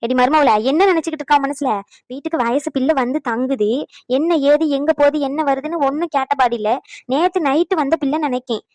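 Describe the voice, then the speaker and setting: A woman's voice: sits high, a little fast, darkish tone, no room sound, studio quality, lightly acted. A woman doing a bossy scolding grandmother. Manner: scolding, commanding, sarcastic. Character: stern bossy older mother-in-law, grandmother. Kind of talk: cartoon voice acting.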